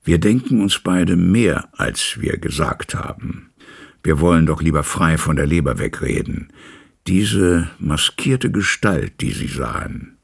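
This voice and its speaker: A man voicing a grave, measured male lawyer who speaks deliberately and with weight, in a gravelly, husky voice. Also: low-pitched, expressive, voice pushed up, full character voice. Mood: resolute.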